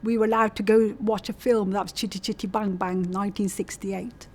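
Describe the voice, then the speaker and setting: With a mid-range voice, flat delivery and a slightly fast pace, a South West England woman in her 60s reminisces about her life. She's a community storytelling interviewee speaking casually, often going back over points to emphasize them.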